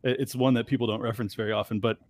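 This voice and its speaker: A man's voice: on the low side, rapid-fire, no echo. A man hosting a casual podcast, joking and asking questions in crude banter. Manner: animated, joking, asks questions. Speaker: podcast host.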